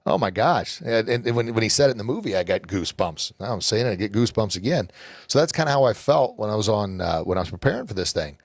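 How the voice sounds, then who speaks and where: A man's voice: fairly low pitch, lively intonation, fast, no room sound, studio quality. A middle-aged man hosting a motivational podcast, speaking earnestly, rambling and often repeating words as he starts a sentence. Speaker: podcast host and hockey coach.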